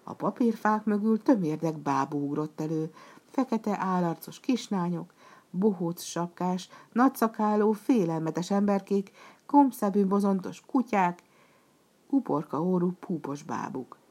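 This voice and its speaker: Low-voiced woman narrating a storybook. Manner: steady, expressive reading.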